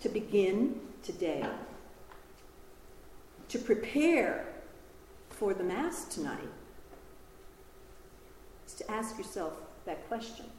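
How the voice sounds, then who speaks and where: Lively woman preaching in an echoey hall. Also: medium pitch, takes it slowly, pauses often, slight background noise. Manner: lively storytelling with humor and laughs. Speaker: retreat speaker. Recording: echoey hall with long reverb.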